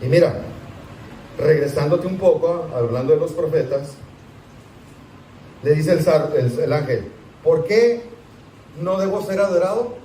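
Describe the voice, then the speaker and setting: A man teaching Sunday school in a church, talking in a conversational and animated way and throwing rhetorical questions at his listeners. His voice is a bit high and mellow. It is picked up from a distance in a roomy, echoing hall with faint background noise. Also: unhurried, pauses often. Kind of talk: sermon teaching. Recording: echoey church room, distant mic.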